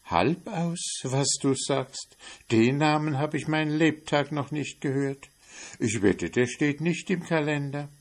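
A man voicing a timid, trusting female mouse in a fairy-tale reading, speaking high and wondering. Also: unhurried, few pauses. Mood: puzzled.

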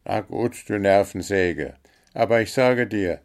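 A man's voice: lowish voice, unhurried, darkish tone. A man doing a grumbling Christmas gnome. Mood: indignant. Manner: grumbling, gruff.

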